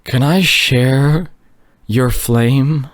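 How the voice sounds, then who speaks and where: A man's voice: medium pitch, extremely slow, no room sound, studio quality. A man voicing an eerie barefoot middle-aged hippie woman who talks in a creepy, dreamy way.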